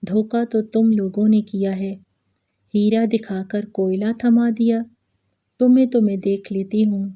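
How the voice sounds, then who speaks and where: A woman playing a stern mother-in-law, dark and flat. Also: medium pitch, lightly acted. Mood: angry. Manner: scolding, harsh. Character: stern scheming middle-aged mother-in-law.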